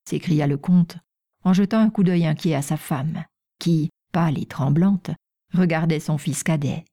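A woman narrating a classic novel as an audiobook, in a measured, even reading. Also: low voice. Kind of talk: scripted literary narration.

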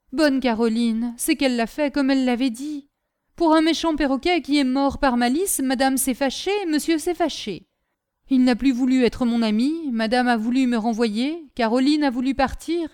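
A woman's voice: high-pitched, darkish tone, clean tone, natural voice. A woman voicing a simple-minded, blunt young male servant, chattering eagerly and indignantly.

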